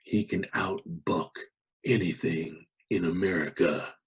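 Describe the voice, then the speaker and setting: A man playing a sly, falsely candid horse-sale shill, confiding in a hushed, husky voice with hammy drama. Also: low voice, very animated, takes it slowly, exaggerated voice.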